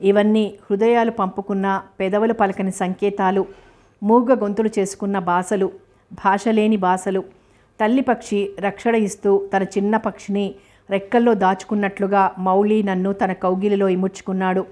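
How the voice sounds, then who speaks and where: Woman narrator for an audio novel, steady first-person reading, level and unvaried delivery. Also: mid-range voice, moderate pace.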